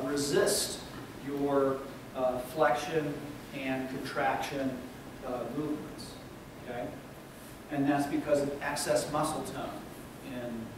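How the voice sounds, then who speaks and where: A male university lecturer explaining to students, checking in with "okay?" and pausing on fillers. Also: a little high. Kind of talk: recorded classroom lecture. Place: lecture room. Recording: echoey room, distant mic, noisy.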